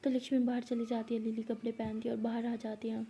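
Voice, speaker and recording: A woman narrating a love story in an even, plain storybook manner. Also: a little high, fast, husky.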